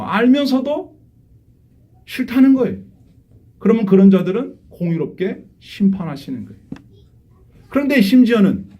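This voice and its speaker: A middle-aged male pastor preaching a sermon in a church, earnestly acting out prayers and quoted voices, moving between hushed asides and emphatic calls. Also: high-pitched. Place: church sanctuary.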